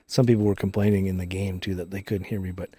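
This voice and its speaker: Male game streamer, casual and rambling, dark mellow tone, heavily compressed vocal, very dry studio sound. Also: low-pitched, flat delivery, fast talker, breathy edge, dry recording. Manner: rambling, explains technical details while playing. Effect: audio compressor on voice. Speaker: live-streaming gamer and host. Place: recording studio. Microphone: studio microphones through a multichannel input.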